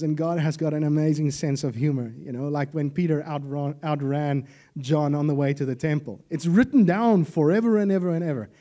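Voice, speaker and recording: A man preaching a sermon, lively and joking, with animated asides. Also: fairly high pitch.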